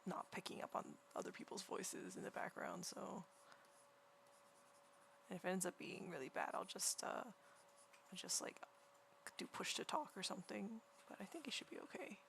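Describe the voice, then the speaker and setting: A woman livestreaming while she draws, chatting casually in a quiet, soft, near-whispered voice and rambling through many restarts. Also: mid-range voice, moderate pace, vocal fry, long pauses, slight background noise. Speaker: livestreaming artist. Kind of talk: casual chat while drawing. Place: home room beside a partner who is gaming.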